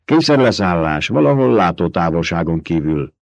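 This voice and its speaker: A male narrator voicing a calm, reserved desert scientist who answers in a matter-of-fact way. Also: low voice, vocal fry, no room sound, studio quality, exaggerated voice.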